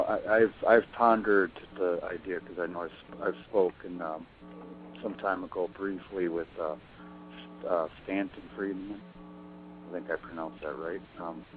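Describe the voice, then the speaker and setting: A man co-hosting an interview, rambling and halting, restarting his questions often. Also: deep voice. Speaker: co-host. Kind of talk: casual interview. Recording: tinny phone line with faint music.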